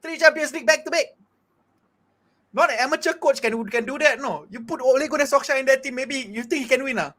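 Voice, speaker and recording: A Malaysian English-accented man on a football fan panel, voice pitched high. He speaks with exasperated emphasis and repeats himself for force. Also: fast talker, few pauses, bright, forceful tone. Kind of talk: passionate fan rant.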